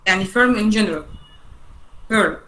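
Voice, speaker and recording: A woman with an Egyptian Arabic accent teaching English vocabulary in a classroom lecture. She spells out English slowly, explains in quick Arabic asides and keeps checking with the class. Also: mid-range voice, bright, forceful tone, rough recording. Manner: switches between Arabic and English, slow dictated English and rapid Arabic asides; checks on the class with frequent "okay?" and "right?".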